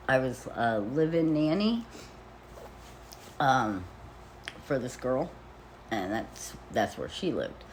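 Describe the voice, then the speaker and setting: A woman's voice: rumbling low, slight background noise. Rambling woman telling a story. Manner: rambling, with frequent "like" fillers and nervous laughs; blunt and profane. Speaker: vlogger. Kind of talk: casual personal storytelling.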